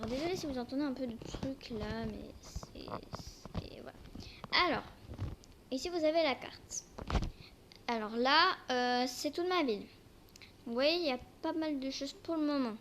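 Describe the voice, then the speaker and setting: A woman's voice: high-pitched, fairly bright tone. A young female speaker with braces slightly impeding her articulation, casually and hesitantly presenting a game in a homemade video. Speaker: amateur video creator. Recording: noisy homemade recording with clicks.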